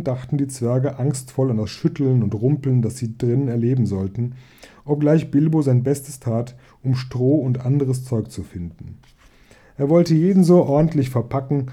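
A man reading a children's fantasy book aloud in a calm, even storytelling voice. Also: medium pitch. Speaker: audiobook reader.

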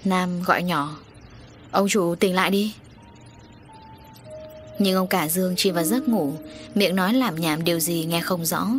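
Woman narrating a story over faint music. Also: on the low side.

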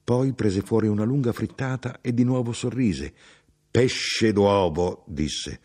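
A man giving a measured, expressive literary audiobook reading. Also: medium pitch, husky. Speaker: audiobook narrator.

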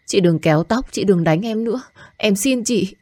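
A woman's voice: mid-range voice, expressive, moderate pace, darkish tone, dry recording, studio quality, voice pushed up, lightly acted. A woman voicing a frightened young woman in a storybook who begs for mercy. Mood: begging. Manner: tearful, pleading.

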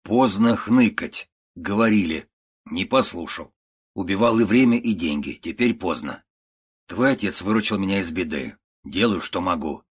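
A stern, unshakable old uncle , as a man reads him out in a storybook. He speaks in curt, clipped phrases, low and husky. Quiet and level throughout. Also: lively intonation, normal speed. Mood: stern, calm. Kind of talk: storybook reading.

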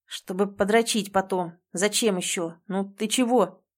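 A woman's voice: medium pitch, steady tone, a little slow, lightly acted. A woman reading an audiobook and voicing a young man who insists and pleads heatedly with his girlfriend. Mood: heated, pleading.

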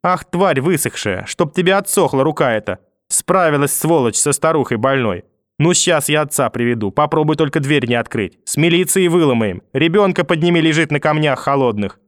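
A man's voice: mid-range voice, expressive, normal speed, no room sound, studio quality, lightly acted. A man reading an audiobook and voicing a furious, vicious old grandmother who scolds, curses and threatens. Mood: screaming.

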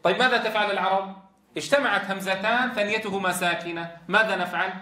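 Man, tajweed teacher, high bright voice, quizzing style, drawn-out example words, echoey room. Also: fairly even intonation. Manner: asks students questions and answers them himself; drags out example words slowly. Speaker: Quran teacher trainer. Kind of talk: tajweed lesson.

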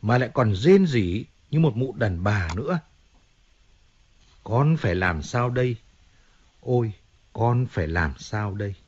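A man voicing a stern older male crime boss who speaks gruffly and scornfully, in an audiobook reading. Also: on the low side, measured pace, long pauses, highs cut off, lightly acted.

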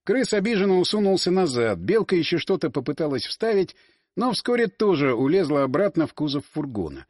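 Lively male audiobook narrator. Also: on the high side, a little fast, dry recording, studio quality.

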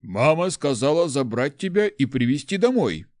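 A man voicing a hot-tempered young nobleman who shouts and bullies, in an audiobook. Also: fairly high pitch, sing-song, moderate pace, no room sound, clean studio sound, voice pushed up. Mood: scornful. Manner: shouting, bullying. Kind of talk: audiobook character voice.

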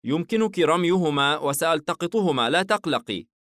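A man's voice: fairly high pitch, expressive, a little fast, fairly bright tone, dry recording, clean studio sound, pitched above the performer's own voice. A man voicing a blunt, impatient male customer in a shop, curt in his replies.

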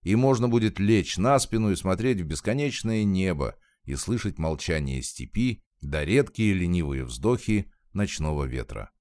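A man narrating a novel as an audiobook in a calm, measured, expressive reading on a close mic. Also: sits low, dry recording.

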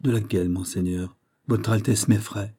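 A man's voice: lowish voice, fairly even intonation, moderate pace, mellow. A man voicing a flustered young nobleman who answers his prince deferentially and pleads for mercy, in an audiobook. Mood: pleading deferential.

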